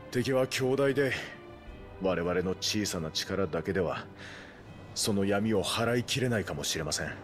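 A man with a lowish voice plays a loyal resistance knight in a Japanese video game. He speaks formally, with deference and earnest conviction.

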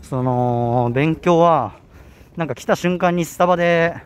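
A man's voice: on the high side, a little slow, smooth. A young man with a Kanto accent talking casually while walking a hilly campus outdoors, slightly out of breath and often correcting himself. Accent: Kanto Japanese. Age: young adult. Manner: rambling, self-correcting, chatty. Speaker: vlogger. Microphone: handheld camera.

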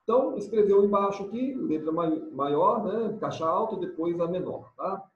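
A man walks young pupils through their English homework, saying each word and then explaining it. His voice sits high and swings widely. It sounds dull and lo-fi, with the echo of a bare room. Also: animated, normal speed. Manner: switches between English words and Portuguese explanations, drills repetition. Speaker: English teacher. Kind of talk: recorded homework correction lesson.

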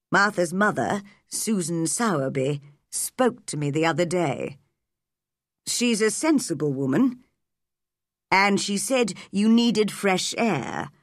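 A woman voicing a sad, kindly older gentleman who speaks slowly and tiredly. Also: medium pitch, sing-song, dry recording, clean studio sound. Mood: weary gentle.

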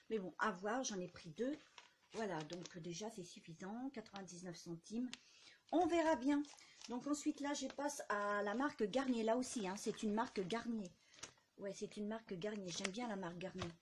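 A woman's voice: mid-range voice, a little mellow, slight background noise. Chatty hesitant woman showing her shopping. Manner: chatty, hesitant, many fillers; unsure when pronouncing product names. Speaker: vlogger. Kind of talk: casual shopping haul vlog.

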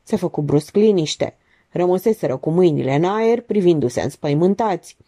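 A woman narrating an audiobook with expressive, measured storytelling. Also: on the low side. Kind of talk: audiobook reading.

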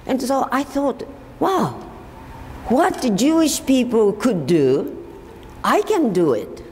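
Older lady, giving a talk in a hall, slow and halting, bit of echo and faint hiss. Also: on the high side, big pitch swings, a little mellow. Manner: halting, with many restarts and fillers. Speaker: forum speaker. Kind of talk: casual slide talk to an audience. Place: meeting hall. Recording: echoey hall, faint background noise.

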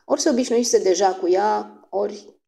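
A woman's voice: mid-range voice, gravelly, mellow. A woman narrating an audiobook expressively, voicing each character.

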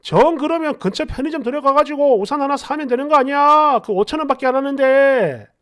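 A woman doing a shouting, scornful young boyfriend. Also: sits high, animated, fairly quick. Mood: angry yelling. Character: irritated young adult man, short-tempered boyfriend. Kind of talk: storytelling with put-on voices.

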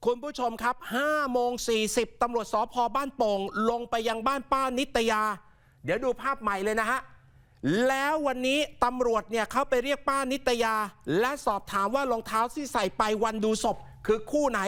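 A man's voice: extremely high pitch, a bit bright, clear, resonant tone. A man hosting a crime news show, commenting emphatically and checking facts with his co-host. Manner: fast, emphatic, asks his co-host for confirmation.

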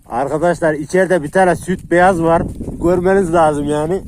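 A man records himself outside in the snowy countryside, chatting casually to his viewers as he hands out food to dogs. His voice sits a little high and turns soft and soothing when he talks to the animals. Faint outdoor noise is heard under the handheld recording. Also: moderate pace. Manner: shouts excitedly while running. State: cold, hands freezing. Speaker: vlogger feeding stray dogs. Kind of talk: casual vlog talk to viewers.

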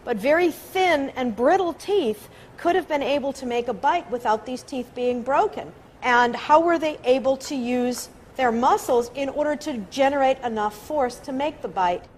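A woman explaining as an expert in a nature documentary, with measured, deliberate phrasing. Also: high voice. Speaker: paleontologist interviewee. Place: indoor laboratory. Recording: faint room ambience noise.

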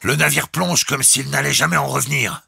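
A gruff, irritable ship's engineer barking up a speaking tube, as a man acts him out in an audiobook. The voice is pushed well above the reader's own, with a gravelly rasp and a dry, close sound. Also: mid-range voice, unhurried, bright, forceful tone, no room sound, voice pushed up, exaggerated voice. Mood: irritated.

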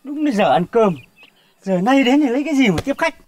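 A grumbling stingy villager. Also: male voice, extremely high pitch, expressive, brisk, a little mellow. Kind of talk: folk comedy TV acting.

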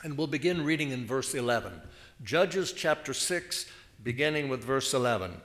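A man's voice: medium pitch, lively intonation, moderate pace, fairly bright tone. An older man preaching in a church, reading scripture and musing aloud in a conversational, wry way with self-deprecating asides.

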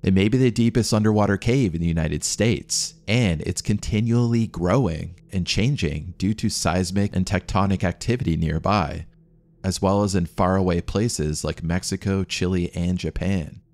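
A very low-voiced man narrates a scripted documentary, holding a measured, steady storytelling pace the whole way. There's no room sound.

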